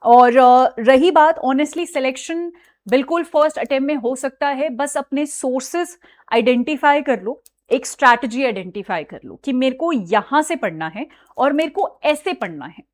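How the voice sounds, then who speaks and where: A high-pitched young woman teaches an online exam-prep class in a chatty, direct way. She drops English phrases into her sentences and keeps asking her students whether they're following along. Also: expressive, moderate pace. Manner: chatty, mixes Hindi with English phrases, repeats "ठीक है?".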